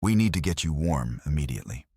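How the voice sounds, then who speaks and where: A man voicing a steady, protective warrior who gives calm, matter-of-fact instructions in a storybook reading. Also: a bass voice, fast, vocal fry, breathy edge, dry recording, clean studio sound, exaggerated voice. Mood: firm.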